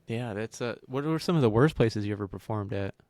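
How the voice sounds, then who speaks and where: A man's voice: on the low side, expressive, fairly quick, darkish tone, no echo. Man, podcast host, dry close sound, casual interviewer questions. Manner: brief reactions, open questions.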